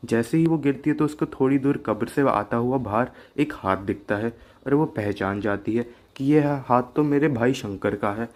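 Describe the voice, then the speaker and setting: A man's voice: medium pitch, normal speed, hardly any pauses, a little mellow. A man narrating a cartoon ghost story in a plain, conversational way, linking lines with filler words.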